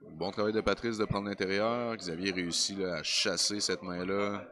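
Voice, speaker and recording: A man's voice: deep voice, fairly even intonation, normal speed, a crowd in the background. A man with a Quebec French accent giving analytical live grappling commentary in a colloquial, explanatory way. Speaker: combat sports commentator.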